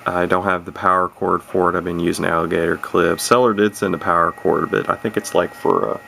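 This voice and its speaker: In his own video, a man who collects vintage radios demonstrates his hobby off the cuff, meandering and hesitating while poking fun at himself. He speaks briskly in a low, steady voice with a sharp edge. It was captured on a camera microphone at home, and noise is clearly audible throughout.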